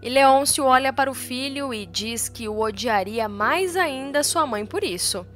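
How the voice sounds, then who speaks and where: A woman narrating a soap-opera recap in a brisk, lively storytelling manner. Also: sits high. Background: faint music.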